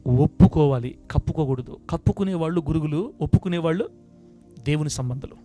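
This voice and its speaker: A man, a pastor, preaching a sermon to his congregation, shifting between hushed asides and loud, emphatic bursts. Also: on the high side, brisk, faint music behind. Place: church service before a congregation.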